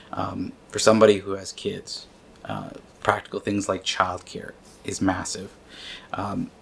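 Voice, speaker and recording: A man in his thirties talks through a personal story in a low, gravelly voice that stays very even in pitch. He speaks earnestly, often pausing and restarting his sentences. Faint noise sits under the recording. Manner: earnest, halting, with many restarts and fillers. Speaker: vlogger sharing his grief story. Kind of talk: personal reflective talk.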